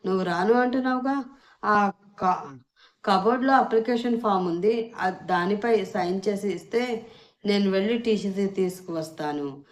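A woman's voice: mid-range voice, measured pace, close to an everyday voice. A woman voicing an impatient, bossy young man in a spoken storybook.

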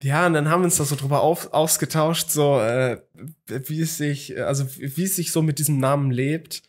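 His voice runs fairly high and moderately paced, with slight background noise. A young adult podcast host, he chats casually from a small room at home close to a boom-mounted studio microphone over a video call, rambling and restarting with many fillers.

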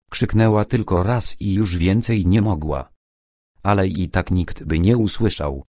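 A man narrates a crime novel with measured drama. His voice sits very low and moves slowly, yet his pitch rises and falls vividly. The recording is dry and close. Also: dark tone, no room sound. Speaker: audiobook narrator.

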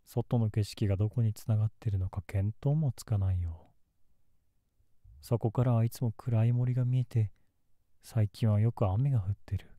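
ASMR role-play casting: male actor as tender lovelorn young man, lowish and very dark-toned, soft, intimate, dry close recording. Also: steady tone, normal speed, no room sound, lightly acted. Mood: gentle, musing. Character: gentle, melancholy young man secretly in love. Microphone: close ASMR microphone in a dry space.

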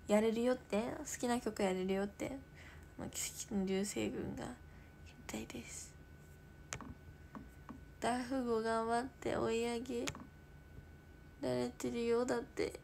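A teenage girl streaming live in her room, chatting casually, reading viewer comments aloud and drifting into soft whispers. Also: on the high side, gravelly, a little hiss or hum. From Japan. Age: teens. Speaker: idol livestreamer.

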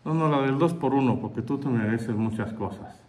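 A man's voice: mid-range voice, moderate pace, reverberant, background noise, natural voice. A man voicing an easygoing husband who gives short, indulgent replies on the phone, in a Mexican accent. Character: obliging husband in a sauna, agreeing to everything.

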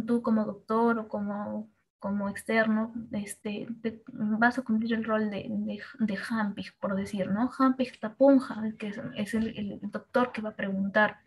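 Female language teacher, slightly high voice, halting, lots of fillers and restarts, lecture delivery. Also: a little mellow. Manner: hesitant, many fillers and restarts, checking with ¿no? and ¿sí?. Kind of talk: online lesson for medical students.

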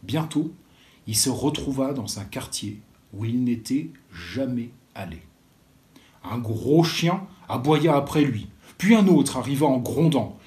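A man's voice: on the high side, darkish tone. A man reading a children's story aloud as a library storyteller, then speaking directly to the children.

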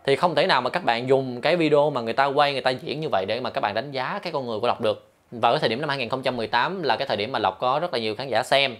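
A man's voice: medium pitch, rapid-fire, a bit bright. A man hosting a commentary vlog, speaking to viewers directly, with many hesitation fillers and referring to himself by name in the third person. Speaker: lawyer and channel host.

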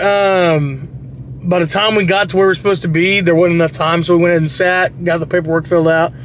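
A young Texan man talking casually to his viewers in a tired, rambling way. His voice sits high for a man, with faint noise behind it. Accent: Texas. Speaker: vlogger. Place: indoors, hospital area.

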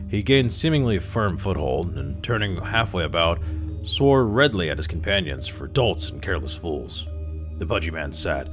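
A man calmly reading a classic short story aloud as narrator. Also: deep voice. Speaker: story reader.

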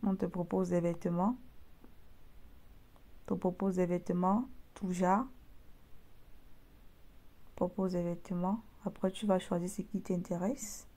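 A woman's voice: on the low side, flat delivery, unhurried, long pauses, warm tone. A young woman from Cameroon, chatting directly to viewers while walking through a screen-recorded tutorial. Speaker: online business vlogger.

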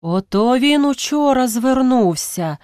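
A woman's voice: high-pitched, animated, slow pace, a little mellow, dry recording, clean studio sound, voice pushed up. A woman voicing a stern older village woman who snaps and scolds harshly in an audiobook reading. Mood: gruff. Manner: gruff, snapping, harsh. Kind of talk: audiobook character voice.

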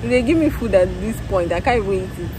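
A young woman, tired after a factory shift, telling her day in an animated casual vlog into a phone held at arm's length outdoors. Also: medium pitch, fast talker. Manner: tired, animated storytelling with laughs and exclamations. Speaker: vlogger. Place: outdoors in a parking lot beside a factory building. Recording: phone outdoors with traffic noise.

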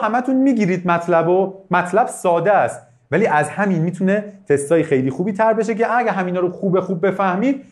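A male teacher giving a live online biology lesson, asking students questions and praising their answers. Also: high voice. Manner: lively, asks students questions, bursts of praise. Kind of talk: live online class lecture.

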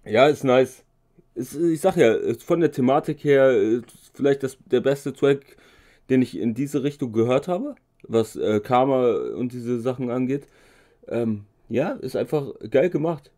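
Dark-voiced man casually reacting to rap. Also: medium pitch, measured pace. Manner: slangy, loose, lots of filler sounds. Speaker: music reaction host.

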